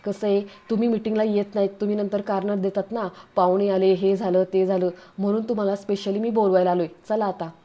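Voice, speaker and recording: A woman's voice: mid-range voice, flat delivery, fast talker, hardly any pauses, warm tone, muffled recording, natural voice. A woman voicing a pushy middle-aged colleague who nags insistently. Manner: insistent, nagging.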